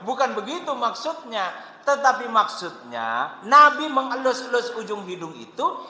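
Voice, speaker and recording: A man's voice: high voice, pushed and bright. A man giving a humorous, playful sermon in a mosque, teasing the men in the audience. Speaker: preacher. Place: mosque hall. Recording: echoey hall with long reverb.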